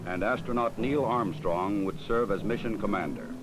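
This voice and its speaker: A man's voice: on the low side, normal speed, very noisy. A man reading solemn, scripted documentary narration. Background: loud music.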